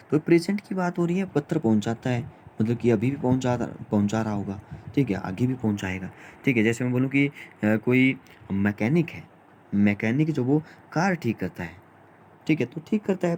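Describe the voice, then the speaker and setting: Man teaching, dark voice, casual pace. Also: mid-range voice, slight background noise. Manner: informal, repeats phrases, many fillers. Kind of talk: classroom grammar lesson.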